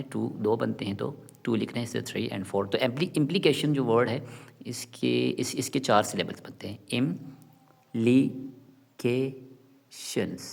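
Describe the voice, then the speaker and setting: Gravelly-voiced man teaching a grammar lesson. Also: medium pitch, a little mellow. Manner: reads English questions slowly, explains in Urdu. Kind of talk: exam-prep lesson explanation.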